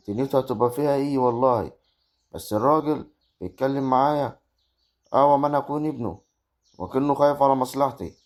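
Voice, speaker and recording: A man's voice: mid-range voice, a little mellow, close to an everyday voice. A man with an Egyptian accent acting a young village husband caught between his wife and his mother in an amateur family drama. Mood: musing. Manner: exasperated, arguing.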